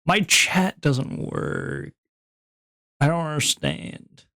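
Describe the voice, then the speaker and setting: A man's voice: on the high side, wildly swooping pitch, very slow, sharp tone, no room sound. A man streaming live who talks to his chat in a sarcastic, grumbling, exasperated way. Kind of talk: casual livestream chat.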